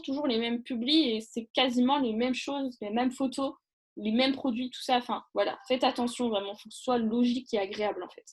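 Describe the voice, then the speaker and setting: A woman giving a casual live online training over a video call, chatty and rambling, with many fillers and restarts. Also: fairly high pitch.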